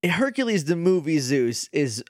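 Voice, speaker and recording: A man's voice: on the high side, sing-song, unhurried, no room sound, studio quality. A man co-hosting a podcast, joking and laughing often in casual chat. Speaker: podcast co-host.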